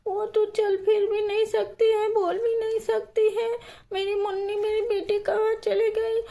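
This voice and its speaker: A woman's voice: extremely high pitch, level tone, measured pace, gravelly, mellow, pitched above the performer's own voice, exaggerated voice. A woman voicing a panicked young mother crying over her missing baby. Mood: distraught. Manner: wailing, panicked.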